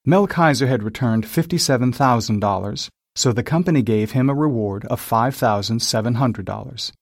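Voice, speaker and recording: A man reads a simple story aloud in a plain, evenly paced manner. His voice sits at an ordinary middle pitch, and the studio sound is dry and close. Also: moderate pace, gravelly, no room sound. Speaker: narrator. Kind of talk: slow, clear scripted reading of an easy-English story.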